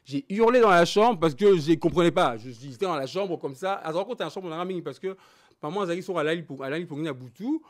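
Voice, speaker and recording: Animated Congolese-raised man, lively voice. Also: on the high side, fairly quick. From born in Belgium, raised in Congo. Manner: animated, emphatic, switching between French and Lingala. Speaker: interview guest. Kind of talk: candid personal interview.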